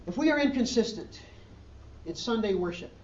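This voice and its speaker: A man's voice: high-pitched, expressive, moderate pace, lo-fi sound, slight background noise. A man preaching a sermon as pastor, in an earnest way, with emphatic rising questions, recorded from a distance in a church hall.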